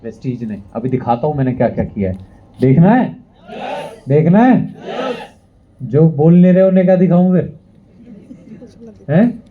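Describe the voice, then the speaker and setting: A young man with a high voice works a seminar crowd, firing questions and making them echo his lines back. The sound is thin and tinny, like it came over a phone line. He keeps up a rousing, punchy delivery. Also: animated, normal speed, pauses often. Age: young adult. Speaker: motivational speaker. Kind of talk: motivational seminar speech. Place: event hall with a live audience.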